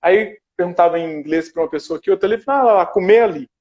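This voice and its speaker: A man with a rather high voice telling a travel story in a relaxed, animated way, acting out the people he met. The sound is muffled and lo-fi, like a video call. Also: very fast. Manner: animated storyteller, acts out dialogue. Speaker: guest. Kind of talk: casual storytelling. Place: his shared house.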